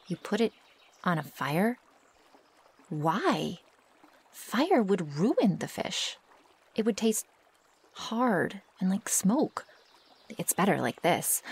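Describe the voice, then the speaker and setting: A woman in full character voice, lowish in pitch, portrays a naive, curious, impatient, and possessive young female werewolf for an intimate one-sided ASMR roleplay. She sounds puzzled and curious, speaking softly and breathily, sometimes nearly whispering, in stilted formal language without contractions.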